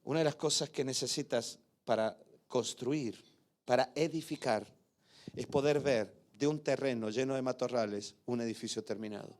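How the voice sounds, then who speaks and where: Older male pastor in a church, mid-pitched, storytelling sermon that swells loud on key points. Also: moderate pace.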